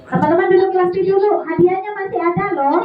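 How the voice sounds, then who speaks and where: A woman's voice: very high-pitched, fast, roomy sound, muffled recording, some chatter behind. Sing-song young woman leading kids. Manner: coaxing, sing-song teacher talk. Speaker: children's entertainer. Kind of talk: leading a children's gathering.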